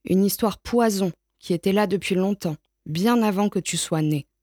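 A woman voicing a wise old male graveyard cat who speaks softly and patiently in a storybook. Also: mid-range voice, normal speed, no echo, studio quality, lightly acted. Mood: gentle. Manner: soft, patient and reassuring.

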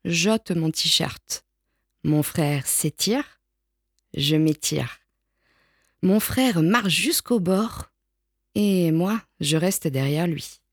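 A woman reading a children's picture book aloud in a slow, gentle storytelling manner. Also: fairly low pitch, no room sound, studio quality. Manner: slow, gentle storytelling with lifted voices for the brother. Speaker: storybook reader.

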